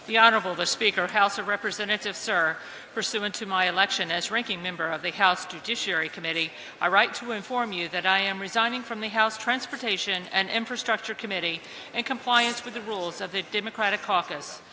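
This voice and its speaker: Male reading clerk, intensely bright and forceful, formal delivery in a reverberant chamber. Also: high voice, brisk. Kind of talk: formal reading aloud of documents.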